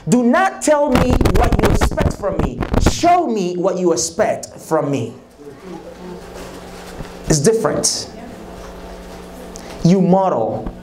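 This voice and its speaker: A summit speaker from the Dominican Republic, Spanish being his first language, teaches leadership in a church with a high voice and a darkish tone. He keeps repeating key phrases and quizzing the audience, heard over a noisy live-stream.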